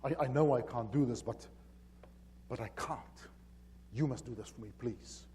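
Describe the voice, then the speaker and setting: A man quoting an older mine manager, mellow. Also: mid-range voice, moderate pace, slight background noise, close to an everyday voice. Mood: pleading.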